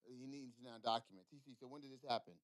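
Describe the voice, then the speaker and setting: A male podcast host speaks with energy, circling back over the same points. His voice is smooth and clean, recorded dry with almost no room sound. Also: medium pitch, fast talker, dry recording. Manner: energetic, repeats himself, many fillers. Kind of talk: live podcast hosting.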